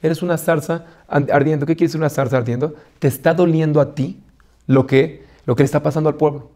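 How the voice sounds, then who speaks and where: A rabbi giving a Torah lesson, asking rhetorical questions, restarting phrases and weaving in Hebrew terms. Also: male voice, fairly high pitch, steady tone, brisk, mellow.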